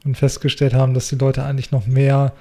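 Ein Mann bringt im Podcast ruhig und sachlich Argumente ein. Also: male voice, mid-range voice, monotone, fast, dark tone. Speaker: podcast co-host. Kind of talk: casual chat.

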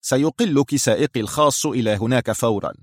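A man's voice: mid-range voice, quick pace, no echo, studio quality, close to an everyday voice. A man voicing a stern male crime boss who gives clipped, cold orders.

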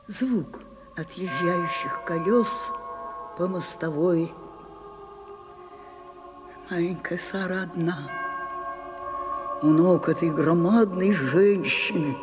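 In a radio play, an actress portrays a capricious, imperious stage diva past her prime, speaking in a husky, commanding, theatrical way. Her female voice sits fairly low and has a slightly mellow quality. The mood is dramatic and hushed.

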